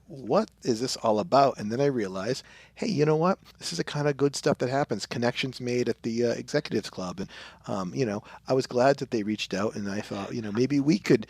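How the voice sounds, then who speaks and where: Man, podcast host, gravelly voice, mid pitch, rambling casual recap, dry close mic. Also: a little mellow, no echo. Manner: rambling, with many fillers, acts out lines in exaggerated voices.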